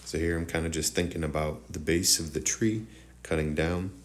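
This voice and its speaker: Speaking directly to his audience, the host of a woodworking tutorial channel delivers a casual, rambling voice-over. He has a deep, steady voice at a moderate pace, slightly nasal and congested as if he just woke up.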